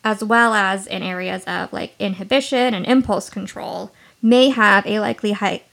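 A woman's voice: mid-range voice, moderate pace, creaky, fairly bright tone. A woman from Washington state co-hosting a true-crime podcast, explaining things thoughtfully with a few fillers. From Washington state, United States. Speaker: podcast co-host.

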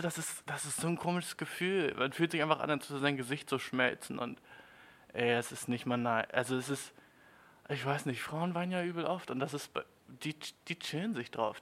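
A young man in a comedic monologue, talking in rambling street slang. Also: fairly bright tone. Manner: slangy, rambling, jumps to high squeaky mock voices.

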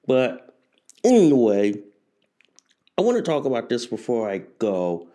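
Forties guy doing a solo podcast, slow, rambly, keeps repeating himself, dark mellow voice. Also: medium pitch, wildly swooping pitch. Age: 40s. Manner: rambling and repetitive, often restarting phrases. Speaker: podcast host. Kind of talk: casual solo podcast monologue.

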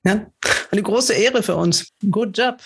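A woman's voice: mid-range voice, a little slow, gravelly, background noise. A woman hosting a podcast, moderating casually between guests. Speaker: podcast host.

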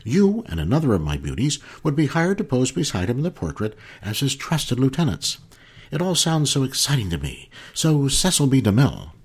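A man's voice: medium pitch, huge pitch swings, brisk, husky, pitched above the performer's own voice, exaggerated voice. A man voicing a brassy female talent agent who gushes and flirts, calling people honey. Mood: eager. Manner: flirty, gushing, calls everyone honey.

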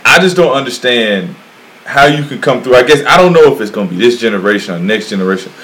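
Male, average pitch, very animated intonation, slangy bro-to-bro conversational delivery. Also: fast, rough recording. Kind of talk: casual chat among male friends.

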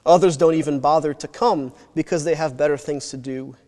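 A man telling a dramatic second-person story in a sermon, earnest and slowing down at tense moments. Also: a little high, steady tone, warm tone, long reverb tail.

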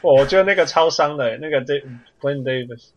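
A man's voice: fairly high pitch, fairly quick, highs cut off, a little hiss or hum. A man chatting casually about sports as a co-host, often slipping into English. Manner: code-switches between Mandarin and English.

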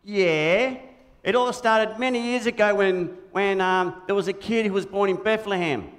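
In a church puppet show, a man plays Big Red, a toy-mad kids' puppet with an Australian accent who's cheeky and muddled. Bouncy and silly, the puppet gets confused easily and breaks into song. The voice is high, at normal speed, and lightly acted.

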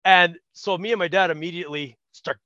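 Bright-voiced man telling a sports story. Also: sits high, brisk, no echo, highs cut off. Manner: animated, laughs often, acts out quotes. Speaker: podcast co-host. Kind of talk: casual chat, storytelling.

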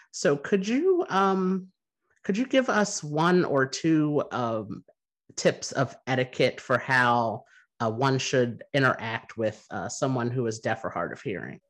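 A man hosting a podcast interview, relaxed and halting with many fillers. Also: mid-range voice. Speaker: podcast host. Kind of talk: casual interview.

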